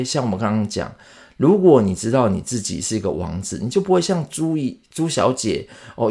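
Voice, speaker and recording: A man hosting a Bible podcast. He retells a story in a lively, chatty way and keeps asking listeners rhetorical questions. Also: mid-range voice.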